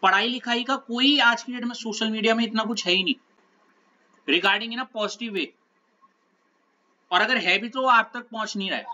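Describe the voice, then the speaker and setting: Man, teacher, very bright voice, chatty classroom aside, muffled lo-fi recording. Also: sits high, moderate pace, pauses often. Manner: conversational, keeps checking students follow. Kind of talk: classroom talk, lecture digression.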